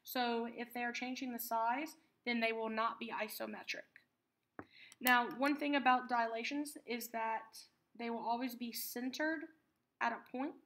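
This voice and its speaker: Patient woman teaching math, slightly high voice. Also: fairly even intonation, a bit bright. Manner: patient, repeats terms slowly for emphasis. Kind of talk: classroom lesson explanation.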